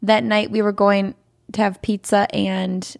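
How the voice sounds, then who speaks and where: Young woman, gravelly edge, relaxed podcast storyteller, dry close sound. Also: mid-range voice, unhurried, no room sound. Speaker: podcast guest, host's wife. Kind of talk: casual conversational storytelling.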